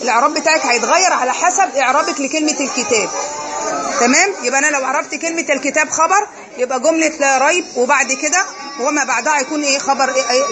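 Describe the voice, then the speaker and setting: Egyptian woman teacher, high and quick, quizzes then answers herself, class noise behind. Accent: Egyptian Arabic. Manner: poses questions then answers them herself. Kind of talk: classroom lesson.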